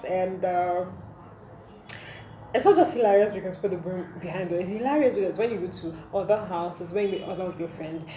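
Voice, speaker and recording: Nigerian lady vlogging on her phone, lowish voice, amused n emphatic, echoey noisy room. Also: a little fast. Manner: amused, animated, emphatic with rhetorical questions. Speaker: video creator. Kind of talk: casual comedic vlog chat. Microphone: phone camera. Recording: echoey room, clear background noise, phone recording.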